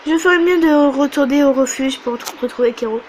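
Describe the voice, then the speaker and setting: Casual woman game reader, high voice, chatty and self-mocking, faint hiss behind. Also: brisk, rough recording. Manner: chatty, reacts and laughs at her own slips. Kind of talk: casual game playthrough narration.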